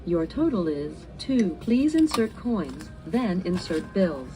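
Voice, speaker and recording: A woman's voice: lowish voice, big pitch swings, takes it slowly, music in the background. A recorded woman's voice on a store self-checkout speaker, reading polite automated announcement prompts. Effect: self-checkout kiosk speaker.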